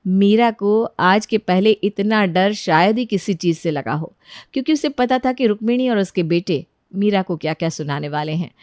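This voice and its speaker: A woman narrating a cartoon moral story in a steady storytelling manner. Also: medium pitch, normal speed, dry recording, clean studio sound.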